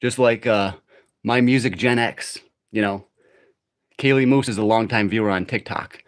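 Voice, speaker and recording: A middle-aged man hosts a livestream workout, chatting casually and rambling conversationally to his viewers. His voice is lowish and his pace moderate.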